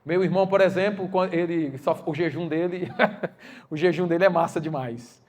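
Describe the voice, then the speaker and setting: A man preaching a sermon full of stories, slangy and animated, acting out the voices of the people in them. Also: a little high, normal speed. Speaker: pastor. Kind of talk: sermon with storytelling.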